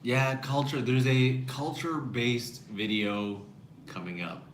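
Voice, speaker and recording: A man's voice: mid-range voice, animated, takes it slowly. An earnest, talkative man hosting a live stream from his phone at a restaurant table. He chats casually with viewers and often stumbles into restarts. The sound is roomy and echoey, with a faint hum of background noise. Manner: chatty, earnest, with frequent restarts. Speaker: channel host.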